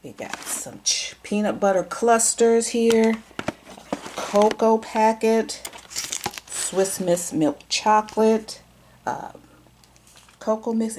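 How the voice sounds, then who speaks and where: A deep-voiced woman chats in a casual show-and-tell vlog about gift baskets, using a camera she holds and runs herself. She talks in a chatty way, repeats herself, and uses many fillers, with slight noise in the background.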